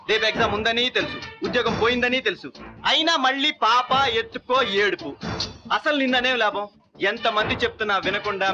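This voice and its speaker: A man's voice: high voice, lightly acted. An actor playing a young male student and new father who is overwhelmed and bitter. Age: young adult. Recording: dull film soundtrack with loud music.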